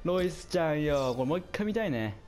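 A man doing casual commentary over a football video game, chatting to his viewers and reacting out loud to the plays, his voice getting hoarse. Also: on the high side, animated, brisk, over music. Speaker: gameplay commentator.

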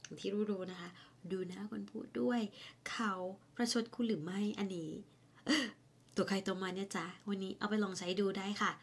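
A woman teaching an online English lesson. She explains in a chatty, friendly way with soft, polite sentence endings, and repeats each English phrase several times. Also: medium pitch, normal speed, slightly rough.

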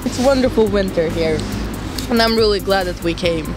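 A young woman from Latvia talks in a relaxed, chatty way outdoors on a winter city square. She slips into other voices as she quotes people, and clear music plays behind her. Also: mid-range voice, normal speed, poor audio. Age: young adult. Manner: chatty, animated quoting of others. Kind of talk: casual testimonial talk.

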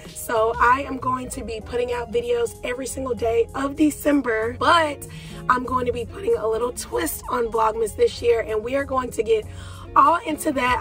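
Parked in her car, a young vlogger chats into her phone in a familiar, casual way, calling her viewers y'all. Her slightly high voice is congested and half gone from a cold, with soft music faint in the background.

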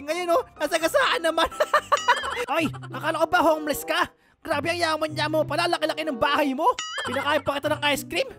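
A woman narrating a comic game roleplay in a loud, excitable way, often laughing and switching between Tagalog and English. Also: extremely high pitch. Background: music.

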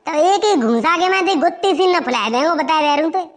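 A woman voicing a crude, quarrelsome village man in a cartoon comedy, talking in rapid, abusive banter. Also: extremely high pitch, expressive, in a large hall, slight background noise.

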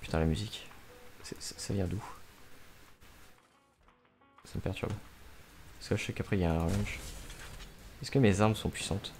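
A man's voice: low-pitched, normal speed, long pauses, darkish tone. Young man streaming over music. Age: 20s. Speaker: game streamer. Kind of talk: casual gaming livestream commentary. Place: small room at home.

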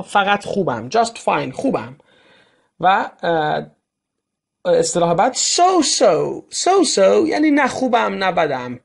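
Gravelly man teaching English phrases. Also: a little high. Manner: slow, repeats each phrase with its translation. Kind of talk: explaining English to Persian learners.

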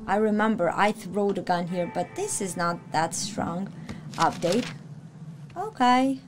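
A woman streamer giving casual let's-play reaction commentary, excitable and quick to swear and talk back to the enemies on screen. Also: medium pitch. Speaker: gaming streamer. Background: game music.

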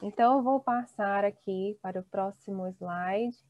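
A woman in her thirties teaching an online Portuguese class, slowly and encouragingly reading out students' chat replies. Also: mid-range voice, dry recording. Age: 30s. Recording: dull, dry video-call audio.

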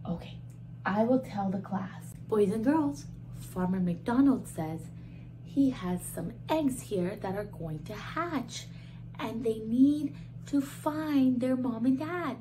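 This toddler teacher, a woman in her thirties, speaks slowly on the high side, using gasps and questions in an exaggerated style. Shot at close range in a small room, the rough recording picks up slight background noise.

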